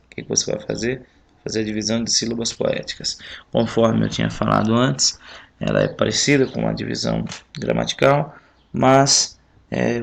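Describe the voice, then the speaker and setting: A male teacher with a Brazilian Portuguese accent works through a literature test step by step in a recorded home lesson, counting syllables out loud. His mid-range voice has a gravelly quality.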